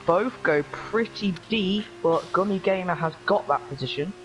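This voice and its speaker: A man's voice: sits high, normal speed, faint music behind, poor audio. A man co-commentating an online race in a casual, chatty way, often repeating words as he talks.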